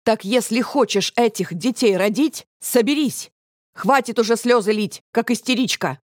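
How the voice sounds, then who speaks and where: Audiobook: female reader as angry middle-aged mother, harsh, shouting, loud and dry. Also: mid-range voice, normal speed, no room sound, close to an everyday voice. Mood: furious.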